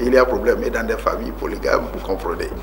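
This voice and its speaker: Speaking quickly in a fairly low male voice over a noisy background, a Togolese politician in his forties is interviewed on TV about his life. As the guest, he talks earnestly, leaning on fillers and building his emphasis upward.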